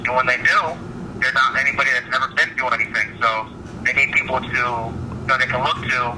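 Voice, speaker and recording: A man's voice: mid-range voice, steady tone, brisk. Guy calling in over speakerphone, easygoing short answers, lots of line noise, sounds far off. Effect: heard over a speakerphone prison call. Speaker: caller phoning in from prison. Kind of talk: casual chat. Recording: noisy speakerphone call from afar.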